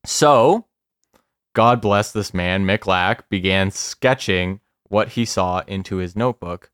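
A man co-hosting a casual podcast, telling a story with laughs, a bit of swearing and slow pauses for suspense. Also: sits low, a bit bright, smooth, dry recording, studio quality. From Canada. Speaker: podcast host.

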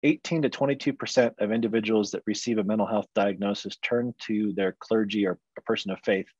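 A man's voice: fairly low pitch, fairly even intonation, fairly quick, a little mellow, breathy edge, no room sound, highs cut off. A man who works as a counselor, talking frankly and reflectively in a casual podcast chat.

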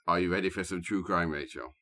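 A man hosting a true crime podcast, telling the story in a measured, scene-setting way. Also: deep voice, pushed and bright. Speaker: podcast host. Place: small booth, sharing a room with co-host.

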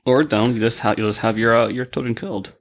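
A man's voice: medium pitch, quick pace. A man co-hosting a casual podcast chat, making wry, crude asides that trail off. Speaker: podcast co-host.

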